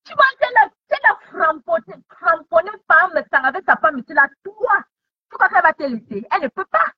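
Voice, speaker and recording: Scolding woman with a lively high voice. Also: a little fast. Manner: scolding, repeats taunting questions. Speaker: online commentator. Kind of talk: heated social media commentary. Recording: dull lo-fi sound.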